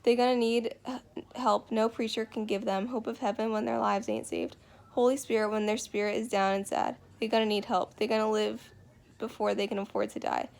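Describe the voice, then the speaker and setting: Quiet former preacher, earnest, soft-spoken, rural dialect, a bit gravelly, read by a woman. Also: fairly high pitch, level tone, a little fast.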